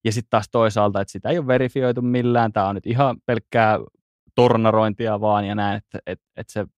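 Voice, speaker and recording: A male podcast host from Finland telling an anecdote in casual chat, chatty and quick to laugh. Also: fairly low pitch, fairly even intonation, no echo.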